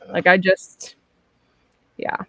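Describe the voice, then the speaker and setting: A woman's voice: very slow, fairly bright tone, dry recording. A woman in her thirties, hosting a casual chat, talking frankly and loosely with lots of fillers. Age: 30s. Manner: chatty and frank, with frequent laughs and fillers. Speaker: host.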